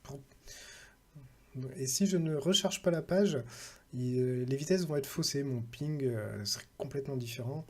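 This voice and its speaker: Husky, mellow-voiced man narrating a tutorial. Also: medium pitch, normal speed. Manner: thinks aloud, reading out numbers with hesitant fillers. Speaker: tech tutorial presenter. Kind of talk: casual screen-recording walkthrough.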